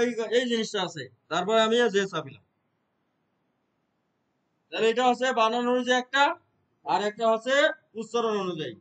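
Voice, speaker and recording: Man, very high-pitched voice, computer teacher, step-by-step classroom explanation, keeps asking if students follow. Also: a bit bright, poor audio. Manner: explains step by step, checks understanding with repeated questions. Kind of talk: classroom lesson.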